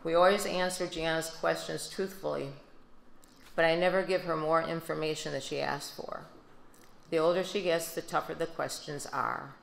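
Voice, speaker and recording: An older woman with a Midwestern American accent, giving a steady, subdued prepared speech at a podium into a handheld mic. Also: low-pitched, normal speed, creaky, a little hiss or hum. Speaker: grieving mother giving a speech. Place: large banquet hall. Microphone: handheld microphone. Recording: echoey banquet hall.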